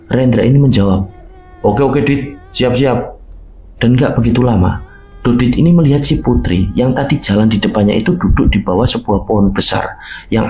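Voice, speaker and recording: Low, dark-voiced male horror storyteller. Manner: casual spoken storytelling with conversational fillers. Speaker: narrator. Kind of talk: storytelling narration of a horror tale.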